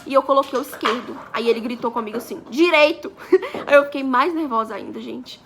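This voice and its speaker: A young woman in her twenties with a high, bright voice tells a story to her vlog audience. She chats along casually and plays out the lines of the people in it. A faint hum sits in the background. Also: steady tone, fast. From Brazil. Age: 20s. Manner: chatty, acts out quoted dialogue. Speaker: vlogger.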